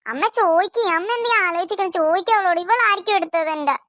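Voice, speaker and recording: A woman's voice: very high-pitched, quick pace, a bit bright, dry recording, clean studio sound. A woman voicing a sulky elder daughter in a family cartoon who complains that she is always the one blamed. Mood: accusing. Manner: complaining, accusatory.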